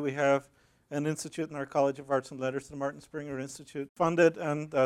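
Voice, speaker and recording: A man's voice: on the high side, smooth. Northern Irish man presenting. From Northern Ireland. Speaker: academic librarian presenter. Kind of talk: conference presentation.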